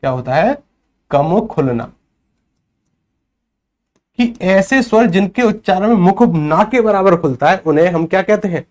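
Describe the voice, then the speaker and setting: Higher-voiced male teacher, quizzing himself. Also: expressive, a little slow, pauses often, a little mellow. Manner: repeats questions and answers them himself; checks in often with the class. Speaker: Hindi grammar teacher. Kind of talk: classroom lecture.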